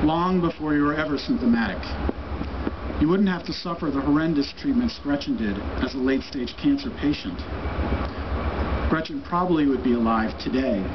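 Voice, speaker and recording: A man delivering a prepared, acceptance-style fundraising speech in an earnest, measured way. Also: fairly high pitch. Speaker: speaker at a cancer research fundraiser. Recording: dull, muffled audio with clear background noise.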